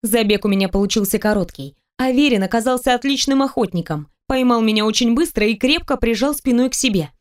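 A woman reads first-person audiobook narration at a steady storytelling pace. Her voice is a touch higher than average. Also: quick pace, few pauses.

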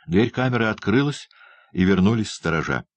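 Низкий мужской голос чтеца. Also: male voice, fairly low pitch, expressive, moderate pace, dry recording. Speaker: audiobook narrator. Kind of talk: literary audiobook narration.

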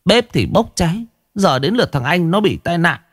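A man's voice: high voice, very animated, moderate pace, a bit bright, no room sound, clean studio sound, pitched above the performer's own voice, exaggerated voice. A man voicing a frightened middle-aged village wife, who stammers and pleads. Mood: worried, insistent.

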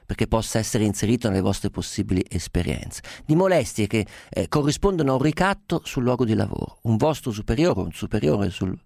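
A man's voice: lowish voice, very animated, a little fast, vocal fry, hardly any pauses, a little mellow, no room sound, clean studio sound. A man hosting a radio phone-in show, wordy and ironic, with frequent fillers. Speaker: radio talk show host.

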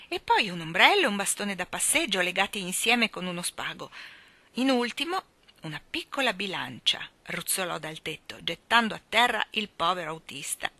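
A woman reading a children's novel aloud in an expressive storytelling manner. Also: on the low side, no room sound. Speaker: reader. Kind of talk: audiobook reading.

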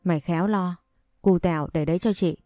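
A woman's voice: fairly low pitch, fairly even intonation, fairly quick, mellow, dry recording, studio quality, soft background music, close to an everyday voice. A woman reading the lines of a blunt but caring older sister figure in an audio story.

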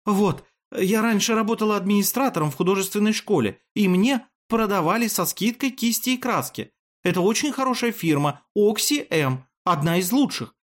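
An eager, obliging woman in a storybook reading, her voice lifted well above the reader's own, as a man puts her on. She speaks politely and quickly, keen to make amends. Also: high-pitched, lively intonation, voice pushed up. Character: eager helpful woman, former school administrator.

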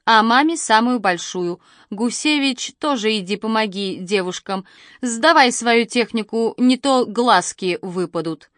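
A teasing family dad who cracks silly jokes at the dinner table, as a woman narrator puts him on. The voice stays at her own pitch, dry and close to the mic. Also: expressive, a little slow, fairly bright tone, no echo. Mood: reassuring. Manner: jokey, teasing. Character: joking father of the family.

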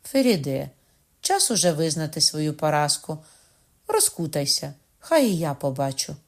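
A fond, playful young man from a storybook, coaxing and gently teasing, with a slightly low voice. A woman reads him in her own voice while narrating. The delivery is calm and close. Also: moderate pace.

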